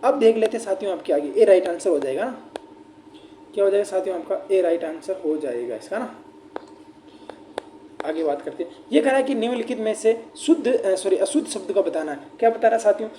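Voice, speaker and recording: A male teacher, talking students through an exam paper, asking rhetorical questions and slowing down to dictate examples. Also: high-pitched, animated, warm tone, a little hiss or hum. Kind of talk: exam paper answer walkthrough.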